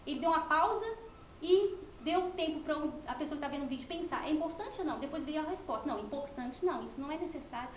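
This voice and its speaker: A woman's voice: high voice, quick pace, a little hiss or hum. A woman presenting her thesis in an academic talk, explaining step by step with frequent "né?" and restarts. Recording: echoey room, slightly dull sound.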